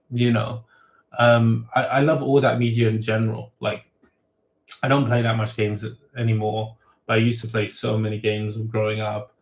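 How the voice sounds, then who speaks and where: A man, an author hosting a casual livestream Q&A, reading viewer questions aloud and giving rambling, off-the-cuff answers. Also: mid-range voice. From grew up in England, born in Thailand. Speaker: web novel author hosting a Q&A. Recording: roomy echo.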